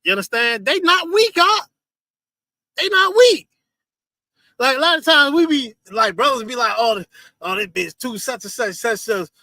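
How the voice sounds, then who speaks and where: Animated man ranting on a livestream. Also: very high-pitched, moderate pace, pauses often, no room sound. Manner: loud, emphatic, repeats phrases and laughs often. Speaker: host reacting to a video. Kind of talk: casual livestream commentary.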